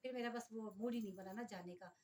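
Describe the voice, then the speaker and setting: A woman's voice: mid-range voice, fast, darkish tone, a little hiss or hum. A middle-aged woman from Pakistan vlogging casually, talking to her viewers in an exasperated, complaining way. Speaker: vlogger, mother. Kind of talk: casual vlog monologue.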